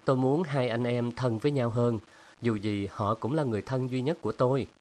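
A man voicing a lively, teasing young woman who scolds playfully in a storybook reading. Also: medium pitch, fairly quick, close to an everyday voice. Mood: subdued.

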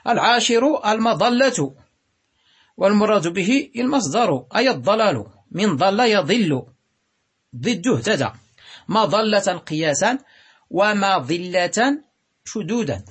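A man teaching Arabic grammar, reading a text and explaining it slowly and deliberately, drawing out words and pausing with hesitations. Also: high-pitched, very animated, breathy edge. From Morocco.

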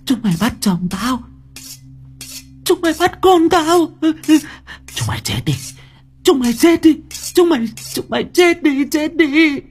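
A man voicing a frantic, grief-crazed young widowed mother who shrieks and sobs in high, strained cries. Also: sing-song, a little slow, long pauses, a little mellow. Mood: murderous frenzy.

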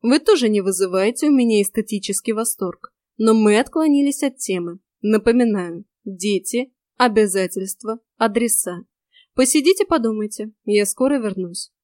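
A sardonic male vampire lord speaks with cool condescension, as a woman reader puts him on. His voice sits mid-pitched and is recorded dry and close. He never hurries and stays above the quarrel. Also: expressive, moderate pace, darkish tone, no echo, close to an everyday voice. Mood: haughty.

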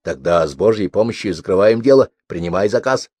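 A man's voice: lowish voice, animated, fairly quick, a little mellow, dry recording. A male audiobook reader voicing a coarse, sniffling middle-aged gang boss who grumbles down the phone. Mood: gruff.

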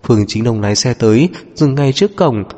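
A man narrating an audiobook novel in a steady, even storytelling manner. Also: medium pitch, a little fast. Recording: long reverb with background music.

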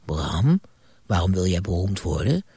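Man voicing an old male ghost, deep and grave, dry radio sound. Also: sing-song, gravelly, warm tone, husky, no echo, exaggerated voice. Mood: solemn. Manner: slow, low and solemn. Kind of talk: column read aloud as a bedtime story.

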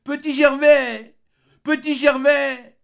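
Guy doing a rough tormented convict, husky and harsh. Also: fairly high pitch, very animated, normal speed, fairly bright tone, voice pushed up, full character voice. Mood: calling out. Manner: gruff, harsh outbursts. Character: weary, tormented grown male convict.

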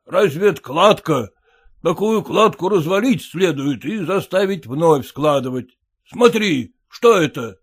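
A stout, bossy landlord, as a male narrator puts him on, scolding and grumbling in a fairly high voice. His tone rises and falls expressively as he finds fault. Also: animated, a little slow, breathy edge.

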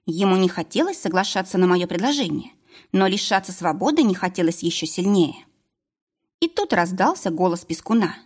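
A woman's voice: fairly low pitch, lively intonation, a little fast, a little mellow, slightly rough. A woman narrating a novel in the first person with a wry, sarcastic manner. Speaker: audiobook narrator.

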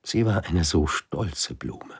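A man narrating a storybook aloud in a measured, unhurried way. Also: rumbling low, expressive, husky. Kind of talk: audiobook narration.

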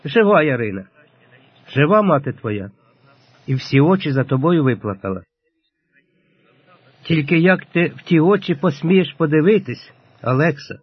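A man's voice: a little high, big pitch swings, moderate pace, long pauses, slightly rough, no room sound, pitched above the performer's own voice. A man reading as a stern old Cossack chieftain. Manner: commanding, resolute. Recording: lo-fi dull audio.

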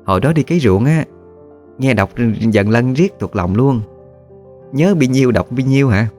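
A man's voice: medium pitch, lively intonation, moderate pace, a little mellow, soft background music, voice pushed up, lightly acted. Man voicing an old woman ghost, Southern Vietnamese accent, blunt, folksy, teasing.

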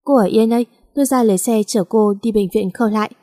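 A woman's voice: fairly high pitch, fast, warm tone, studio quality, natural voice. A woman reading a curt, mocking male boss. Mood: gruff. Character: bossy, teasing male company director. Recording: long echoing reverb.

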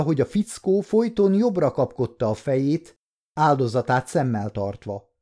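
A man's voice: on the high side, dark tone, pitched above the performer's own voice. A man voicing an earnest male police doctor giving testimony in court in an audiobook story.

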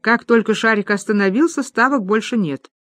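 A smooth, courteous male croupier calling out bets in a formal, practiced manner, as the narrator of an audiobook puts him on. The voice sits at an ordinary middle pitch and sounds close and dry, with no room around it. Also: brisk, a bit bright, no echo, close to an everyday voice. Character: polite trained male casino croupier.

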